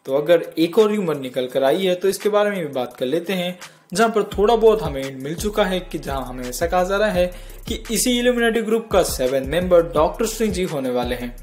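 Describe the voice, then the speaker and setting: Guy doing a chatty comic news roundup, high voice, jokey, soft music under it. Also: animated, fairly quick. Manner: chatty, jokey, talks straight to viewers. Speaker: entertainment news host. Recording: faint music behind.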